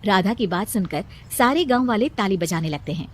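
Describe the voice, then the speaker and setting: A woman narrating a storybook cartoon in a steady storytelling manner. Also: medium pitch, fairly quick.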